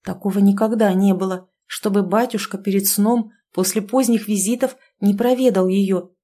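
A woman narrating a novel in an even, expressive audiobook reading. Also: mid-range voice, moderate pace.

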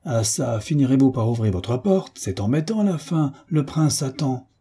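A man reading an audiobook and voicing a brusque, impatient male lackey, raised in pitch. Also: animated, normal speed, mellow, husky.

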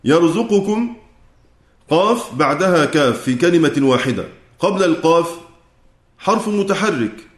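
A man with an Egyptian Arabic accent teaches a recitation class in a fairly high voice. He explains each rule step by step and stretches out the verse lines as he chants them. His voice rings with the echo of a roomy hall. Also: animated, moderate pace, pauses often. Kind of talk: lecture explaining a classical poem.

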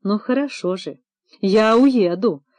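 A woman's voice: on the high side, slow, no room sound. A woman doing a hysterical broken man. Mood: pleading hysterical. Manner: pleading, wailing, theatrical. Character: distraught male embezzler, hysterical, broken.

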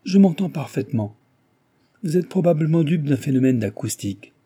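A man voicing a joking, quick-witted young male fiancé in an audiobook, in a playful, teasing tone. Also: a little high, expressive, dark tone, voice pushed up, natural voice.

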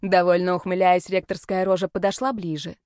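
A woman's voice: fairly low pitch, flat delivery, fairly quick, darkish tone, clean tone, no echo, clean studio sound. A woman narrating a first-person audiobook in a wry, sardonic tone.

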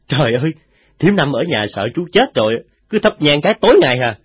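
Audiobook: cheeky boastful village boy, voiced by a man, pitched up, lively, dry dull recording. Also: fast, slightly rough, no echo. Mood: chattery. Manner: stammering, chattery, giggly.

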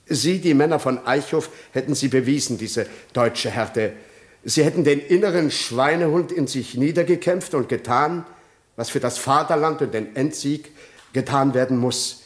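An actor playing a witness who gives calm, matter-of-fact testimony in a 1960s radio drama. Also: male voice, a little high, close to an everyday voice. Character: calm male witness giving sworn testimony.

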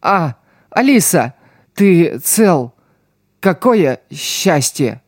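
A man reading an audiobook, voicing a wounded, dying street girl who speaks slowly through the strain. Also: fairly high pitch, sing-song, no echo, studio quality, full character voice. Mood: weak, urgent. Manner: slow, strained, fading speech.

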